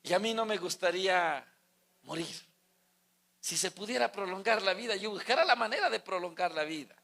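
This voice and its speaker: A man's voice: sits high, lively intonation, normal speed, gravelly, fairly bright tone. A man, preaching a sermon and putting emphatic questions to his congregation.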